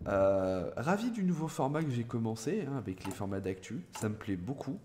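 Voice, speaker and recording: A young adult man from France hosting a live gameplay stream, chatting hesitantly with viewers and answering them by name, with many filler pauses and restarts. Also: medium pitch, big pitch swings, warm tone, slight background noise. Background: background music.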